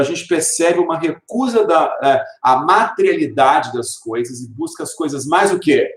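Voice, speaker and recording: Brazilian male teacher, lively explainer who slows down to read verse, somewhat high-pitched, recorded in an echoey room. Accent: Brazilian Portuguese. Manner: explanatory, asks rhetorical questions and answers them; reads verse slowly and stresses sounds. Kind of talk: recorded literature video lesson.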